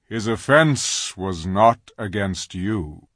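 A reader voicing a great, solemn lion who speaks gravely and slowly. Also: sits low, expressive, fairly bright tone, no room sound, clean studio sound, full character voice. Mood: calm. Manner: grave and slow.

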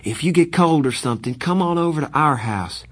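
A man playing a shy, gentle teenage boy in a story reading. The voice sits higher than the reader's own, soft and plain, with a husky edge. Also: animated, a little fast. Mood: calm.

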